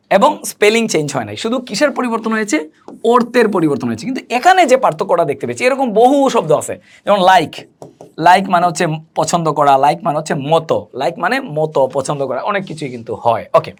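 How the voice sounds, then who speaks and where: A man with a slightly high voice gives a spoken English lesson, explaining slowly, spelling words out, and answering his own questions.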